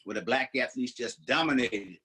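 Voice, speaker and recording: A man's voice: mid-range voice, moderate pace, pushed and bright, husky, low-quality recording. An older man co-hosting a podcast in casual chat, telling stories and restarting his sentences often. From United States. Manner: rambling storyteller, many restarts. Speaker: podcast co-host.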